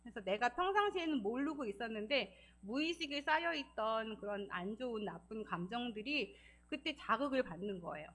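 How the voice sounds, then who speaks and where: A woman with a fairly high voice gives a Sabbath school talk in church. She speaks in a lively, encouraging way, often laughs, and acts out quoted feelings in changing voices. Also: fairly quick. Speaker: deaconess giving a church lesson.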